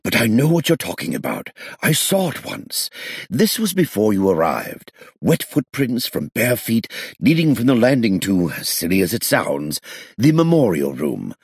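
A man voicing an excitable elderly male illusionist who talks in a theatrical, flustered way and drops French phrases. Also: lowish voice, moderate pace, slightly rough, dry recording, studio quality, pitched above the performer's own voice, exaggerated voice. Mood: agitated. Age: older.

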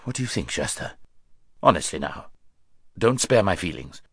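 A man reads a storybook's proud, fussy talking warhorse in a very deep voice with big emotional pitch swings, grave and a little anxious about seeming dignified. The heavily acted delivery is at a moderate pace, a bit bright and slightly rough, recorded dry and close with no room sound.

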